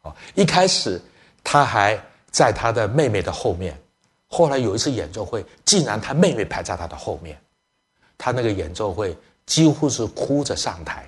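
Low-voiced church elder telling stories. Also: male voice, moderate pace. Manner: lively storyteller, acts out family dialogue; drops English phrases into speech. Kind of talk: sermon storytelling to parents.

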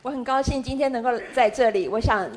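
Church interpreter, woman, somewhat high voice, quick chunks, lots of fillers. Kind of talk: consecutive interpreting at a church talk.

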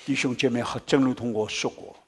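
A man preaching a sermon and telling a story to his congregation, jumping from loud exclamations to hushed whispers and mixing English words into his preaching. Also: mid-range voice, steady tone, brisk. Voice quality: very husky.

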